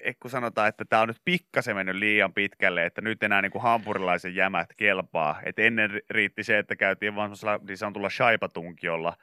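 A man co-hosting a morning radio show, talking in a bright, forceful tone. His voice is smooth and crisp, recorded dry and close in the studio. He banters casually and jokes around. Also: on the low side, steady tone, few pauses, no room sound. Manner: jokey, sings and shouts song intros.

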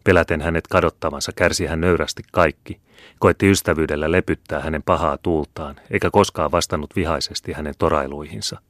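A man narrating a classic novel as an audiobook reader, in a measured, even manner. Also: extremely low pitch, no room sound, studio quality. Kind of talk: scripted narration.

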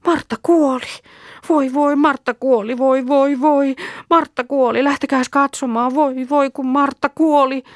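A woman's voice: low voice, animated, gravelly, no echo, clean studio sound, full character voice. Woman doing Kerttu, a fussing little girl. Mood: wailing. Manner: soft and coaxing, then wailing. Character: tender, fussing little girl tending her friend.

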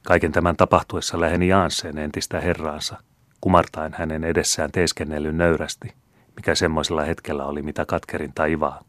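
Very deep-voiced male audiobook narrator. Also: little pitch movement, fairly bright tone, no room sound. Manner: measured, formal reading. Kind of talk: scripted narration of a novel.

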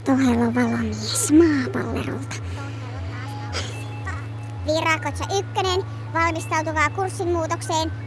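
A woman's voice: sits high, long pauses, over music, lightly acted. Woman voicing a spaceship computer. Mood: alert. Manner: formal, announcing.

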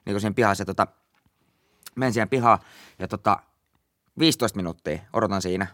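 A man's voice: fairly low pitch, dry recording, studio quality. A young man with a Finnish accent, casually telling an anecdote as a podcast host, acting out his own reactions. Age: young adult. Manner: animated storytelling with acted-out reactions. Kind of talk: casual storytelling chat.

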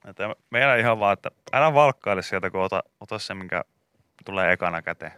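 Male radio co-host, bright dry studio voice, chatty and rambling, casual banter. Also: deep voice, animated, clear, resonant tone, no echo. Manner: chatty, rambling, laughs often. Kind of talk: casual morning radio chat.

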